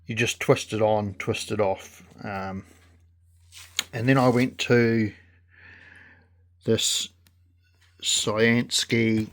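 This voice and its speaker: A man with a New Zealand accent giving a casual, unscripted product review in a halting, hesitant way with pauses. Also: lowish voice, flat delivery. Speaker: gadget reviewer.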